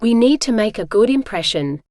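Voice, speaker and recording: A woman's voice: on the high side, expressive, moderate pace, a little mellow, dry recording, clean studio sound, close to an everyday voice. A synthetic woman's voice reading the part of an anxious middle-aged mother who is earnest and worried about appearances, in an audiobook. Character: anxious middle-aged mother pleading with her teenage daughter. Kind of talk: audiobook dialogue.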